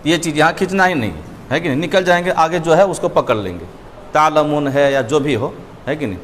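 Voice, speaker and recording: A man's voice: on the high side, animated, fairly quick. A man teaching Quran recitation, drilling syllables patiently and checking in with his students. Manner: patient, drills syllables, often asks "isn't it?". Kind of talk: reading lesson with drills. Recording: echoey room, faint chatter and noise.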